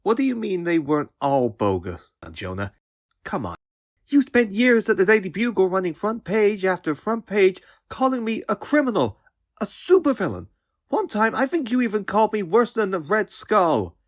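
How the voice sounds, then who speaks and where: A man's voice: high-pitched, big pitch swings, moderate pace. A man voicing a young wisecracking superhero in a comic book dub, earnest, sarcastic and easily riled. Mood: defensive, riled. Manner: quippy, sarcastic, youthful.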